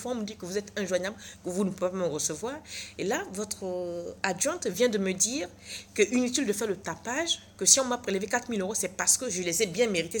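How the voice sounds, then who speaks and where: A woman's voice: medium pitch, slight background noise. A tired middle-aged woman at her workplace, dramatically retelling her day in a vlog and acting out the dialogue. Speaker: vlogger. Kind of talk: animated storytelling vlog.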